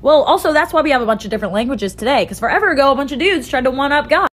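A young woman telling comic stories in modern slang, with goofy, deadpan asides. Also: high-pitched, racing. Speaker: comedic storyteller.

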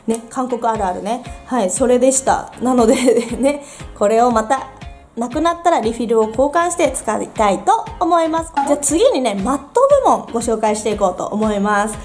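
A young woman with a high, lively voice chats through her favourite makeup in a casual, upbeat vlog. She is playful and talkative, and faint music plays quietly behind her. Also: normal speed. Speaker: beauty vlogger. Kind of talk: casual product review.

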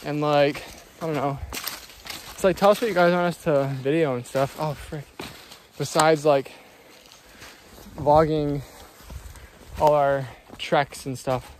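A man talks chattily into his phone while hiking a mountain trail, his voice sitting a little high and carrying the phone-video sound. He keeps his viewers in the loop in loose slang, and a faint outdoor hiss runs behind him. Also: steady tone, a little slow, pauses often. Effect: phone-recorded video sound. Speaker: vlogger. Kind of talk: casual hiking vlog. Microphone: phone held while walking.

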